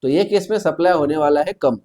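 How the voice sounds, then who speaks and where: A man's voice: fairly high pitch, warm tone. A man teaching an exam-prep lecture, mixing Hindi and English, explaining step by step and checking in with students often. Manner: mixes Hindi with English terms, reads questions slowly.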